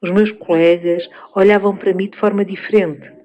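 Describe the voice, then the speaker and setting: A woman with a European Portuguese accent, giving a measured, thoughtful spoken essay with frequent pauses. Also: mid-range voice, steady tone, lo-fi sound.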